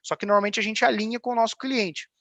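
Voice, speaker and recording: A man's voice: high-pitched, steady tone, quick pace, pushed and bright, no room sound, highs cut off. A man with a Brazilian accent giving an informal explanatory presentation on a video call, often checking in with short tag questions. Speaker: financial advisory firm leader presenting. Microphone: video call microphone.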